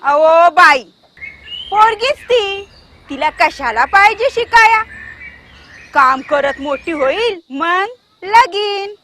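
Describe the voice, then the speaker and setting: A woman's voice: extremely high pitch, lively intonation, slow pace, long pauses, fairly bright tone, slight background noise, exaggerated voice. A woman playing a poor widowed village mother who scolds her children bluntly. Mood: stubborn. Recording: background film score under voice.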